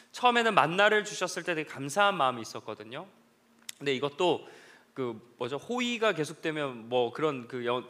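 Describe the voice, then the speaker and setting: A male pastor giving a conversational sermon, often pausing with fillers and rising sharply when he acts out complaints. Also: fairly high pitch, pushed and bright.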